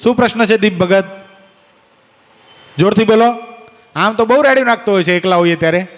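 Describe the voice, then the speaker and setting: A man's voice: sits high, brisk, big-room sound, muffled recording. A man preaching a devotional talk to a gathering, quizzing and teasing listeners by name. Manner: questions and teases listeners by name.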